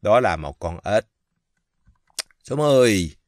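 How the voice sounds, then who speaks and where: A man from Vietnam giving a casual pronunciation lesson, speaking slowly and haltingly with many fillers and drawing out the example words. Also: on the low side, animated, no room sound, clean studio sound. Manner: slow, halting, many fillers, repeats French words drawn out. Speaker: French teacher.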